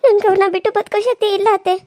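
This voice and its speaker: A woman's voice: extremely high pitch, steady tone, very fast, darkish tone, no echo, studio quality, voice pushed up. Woman voicing a meek pleading young wife. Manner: pleading, tearful. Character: meek, loving young wife from a poor family. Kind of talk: cartoon serial voice acting.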